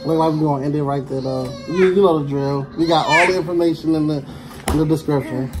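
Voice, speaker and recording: A man's voice: a little high, steady tone, fast talker, background noise. A man in his twenties co-hosting a casual review video indoors, easygoing and slangy in his talk. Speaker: co-host of a snack review video. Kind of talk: casual chat. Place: small indoor room.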